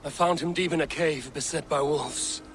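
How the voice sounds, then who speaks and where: A man playing a grim, practical Viking warrior in a video game, speaking in a measured, direct way. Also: on the high side, steady tone, fairly bright tone, a little hiss or hum, lightly acted. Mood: grave.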